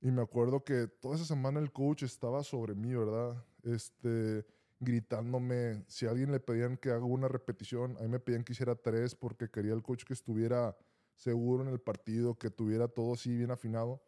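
Brief: Mexican man, co-host, animated storyteller, mid-pitched, casual slang. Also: fairly quick. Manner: animated, slangy, says vato often. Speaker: podcast co-host.

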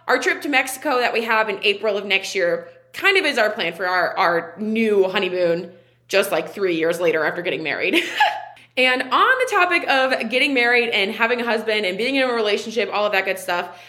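A woman in her twenties hosts her own casual solo podcast, speaking candidly and chattily with plenty of fillers. She's a podcast host and online wellness coach, and her medium-pitched voice is expressive, bright and forceful, moving a little fast.

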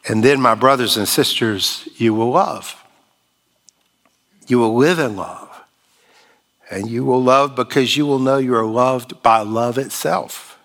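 A man preaching a sermon as pastor, measured and emphatic with long pauses. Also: medium pitch, a bit bright.

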